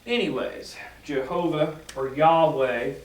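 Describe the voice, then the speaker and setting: A man explaining esoteric teachings in a casual, rambling lecture, correcting himself often and filling pauses with ums and uhs. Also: fairly high pitch, reverberant, far from the mic, low-quality recording. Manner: rambling, self-correcting, filler-heavy.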